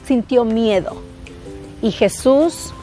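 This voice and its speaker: A woman tells a Bible story to children at an unhurried, deliberate pace. Her voice sits fairly high and stays lively, and she keeps turning to her young listeners with little questions. Soft music plays faintly behind her. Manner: animated, frequent tag questions to the kids. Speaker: children's Bible class teacher. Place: outdoors by a lake.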